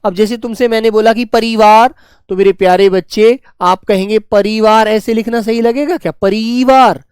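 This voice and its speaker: Man, teacher, fatherly, slow repeated dictation, smooth voice, dry recording. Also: high-pitched, fairly even intonation, darkish tone, dry recording. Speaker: Hindi teacher. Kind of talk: online spelling class.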